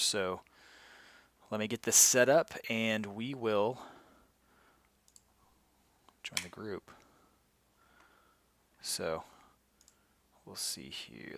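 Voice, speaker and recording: A man's voice: on the low side, gravelly, fairly bright tone, no room sound. A man hosting a live stream in an upbeat, chipper manner, like a game show host. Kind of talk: casual live-stream chat.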